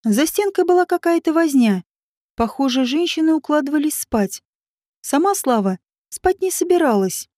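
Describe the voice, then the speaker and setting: A woman narrating an audiobook in an even, measured storytelling manner on a close mic. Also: sits high, no echo. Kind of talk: scripted narration.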